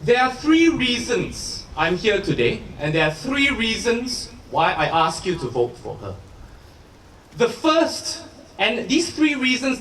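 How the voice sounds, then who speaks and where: A man giving an urgent activist speech at a political rally, emphatic and deliberate, pausing for effect. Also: high voice, a bit bright, reverberant, recorded from a distance, slight background noise, rough recording. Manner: emphatic, deliberate public oratory with pauses for effect and rhetorical questions. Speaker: rally speaker, lawyer campaigning for a candidate.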